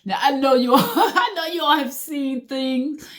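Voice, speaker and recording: A woman's voice: high-pitched, unhurried. A middle-aged woman, chatting casually as she reads funny memes aloud and laughs often. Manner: laughs often, animated, folksy Southern-style talk. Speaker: host reading funny memes. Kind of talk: casual chat.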